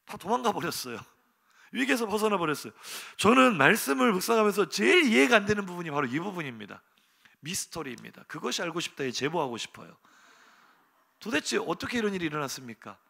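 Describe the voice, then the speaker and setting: Lively, gravelly-voiced man preaching. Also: high voice, quick pace. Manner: animated storytelling with sudden shouted exclamations; asks the congregation rhetorical questions. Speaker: pastor. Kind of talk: sermon. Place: church sanctuary.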